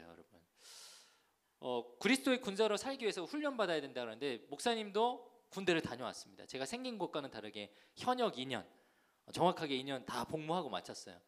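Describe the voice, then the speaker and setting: A male youth pastor delivers a sermon to teenagers, telling the story with animation and having the congregation repeat his lines. His voice sits fairly high, and his pitch swings widely as he preaches. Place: church service.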